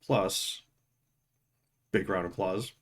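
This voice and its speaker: A man giving a casual, unscripted video game review, rambling conversationally with informal, tongue-in-cheek humor and pausing to find his words. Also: sits low, slight background noise.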